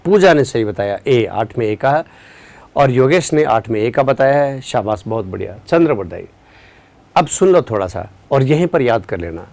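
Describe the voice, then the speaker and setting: A male teacher running a live online exam-prep class, explaining at a relaxed, unhurried pace, quizzing students and answering their chat, tired at the end of a long day. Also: mid-range voice.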